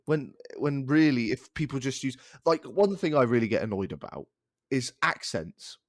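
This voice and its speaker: A man's voice: medium pitch, lively intonation, normal speed, dry recording, studio quality. A young man co-hosting a casual podcast, ranting in exasperation and restarting his sentences. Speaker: podcast co-host.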